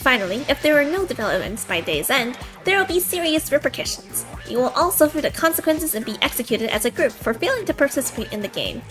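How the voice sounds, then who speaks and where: A woman acts out a gleeful announcer of a deadly game in a visual novel. The voice is high and very animated, full of theatrical hype and mocking, taunting cheer. Music plays underneath. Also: quick pace, few pauses. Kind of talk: fan visual novel read-aloud.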